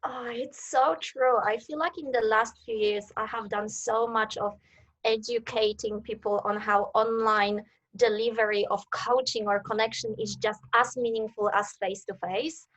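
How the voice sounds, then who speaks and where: A woman's voice: a little high, fairly even intonation, moderate pace, a bit bright. Enthusiastic woman with a Polish accent. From Poland. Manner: enthusiastic, eager. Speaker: guest, networking coach. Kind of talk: interview answers. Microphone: video call.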